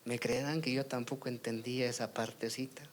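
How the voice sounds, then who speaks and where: A man preaching a sermon at a church meeting. He asks his congregation question after question and swings between loud emphasis and quiet asides. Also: medium pitch, flat delivery, brisk, slight background noise. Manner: rhetorical questions with tag "¿no?", swings from loud to soft. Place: church service.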